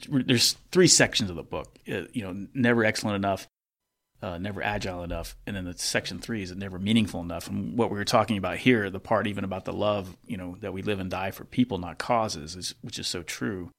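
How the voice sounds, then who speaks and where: A man in his fifties hosts an interview podcast, talking through his reflections with rambling enthusiasm. His voice sits on the low side. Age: 50s. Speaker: podcast host.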